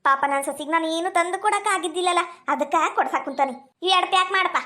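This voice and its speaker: Brief: woman doing a doting old village mother-in-law, very high and shrill, North Karnataka accent, quick, coaxing. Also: bright, forceful tone. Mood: pleased. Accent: North Karnataka Kannada. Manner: coaxing, fond scolding. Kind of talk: village comedy skit.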